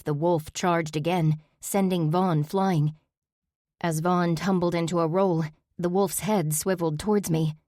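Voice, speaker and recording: A woman narrating a first-person audiobook with a steady, measured reading, recorded on a close studio mic. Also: on the low side, dry recording.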